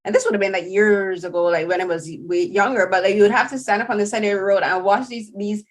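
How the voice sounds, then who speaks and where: A woman's voice: mid-range voice, quick pace. Chatty Barbadian woman host. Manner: animated, chatty storytelling with many "like"s. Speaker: podcast host. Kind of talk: casual interview chat.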